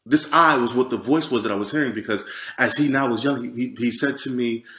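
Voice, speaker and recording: A man giving a personal testimony, retelling it earnestly and haltingly with many restarts and fillers. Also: mid-range voice, pushed and bright, reverberant.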